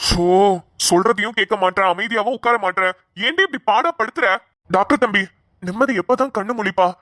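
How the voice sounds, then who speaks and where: A woman voicing a fretful older woman of the family who scolds and frets in an animated cartoon. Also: medium pitch, fairly quick, no echo, studio quality, lightly acted. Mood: anxious. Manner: scolding, anxious.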